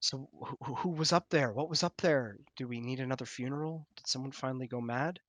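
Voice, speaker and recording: A man voicing a worried, weary village father who speaks quietly in a tabletop game. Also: medium pitch, brisk, no room sound, lightly acted.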